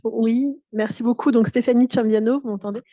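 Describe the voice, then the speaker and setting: A woman's voice: fairly high pitch, steady tone, brisk, dark tone, dry recording. A woman in the audience putting a polite, formal question at a conference.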